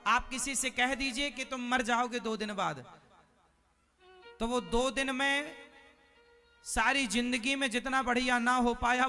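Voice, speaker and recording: A man's voice: very high-pitched, pushed and bright. A man preaching a devotional sermon, telling a moral story and putting questions straight to his audience. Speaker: spiritual preacher.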